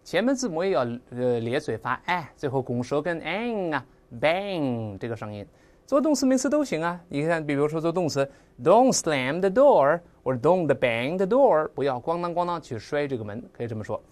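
A vocabulary teacher giving a recorded lesson, spelling out and slowly repeating English words and imitating clattering and clanging sounds aloud. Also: mid-range voice. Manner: mimics sounds with lively onomatopoeia.

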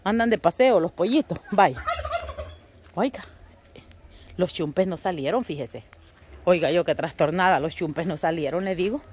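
A woman talking casually to her viewers while tending her animals outdoors, chatty and quick to scold her dogs. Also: fairly low pitch, a little hiss or hum. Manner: chatty, calls viewers "mamita", shouts and scolds pets. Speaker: vlogger. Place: outdoor yard with chickens, dogs and a cat.

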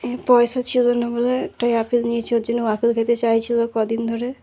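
A woman's voice: on the high side, completely flat delivery, fast, dark tone, a little hiss or hum. A woman talking casually through her day in a vlog, chatty, sometimes speaking to her child in a coaxing tone. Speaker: vlogger.

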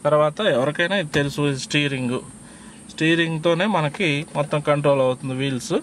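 A driving instructor with a Telugu accent sits in a parked car and patiently walks through the controls one step at a time, in a casual how-to style. His voice is slightly high and steady, and he talks fast. The handheld phone recording carries a faint hiss or hum.

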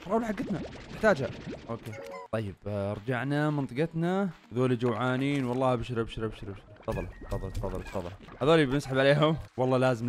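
Fast-talking gamer, excitable. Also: male voice, medium pitch. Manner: excited, chatty, talks to viewers directly. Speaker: gaming YouTuber. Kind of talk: casual gameplay commentary.

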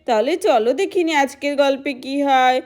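A woman's voice: sits high, moderate pace. A woman narrating a doll story, addressing the viewers in a friendly way. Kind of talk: storytelling to children.

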